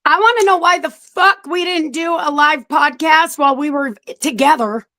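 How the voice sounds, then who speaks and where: A woman's voice: high voice, normal speed, pushed and bright, no echo. A woman co-hosting a podcast from home in casual chat, blunt and teasing, swearing freely, her voice a little strained. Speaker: podcast co-host. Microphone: streaming setup.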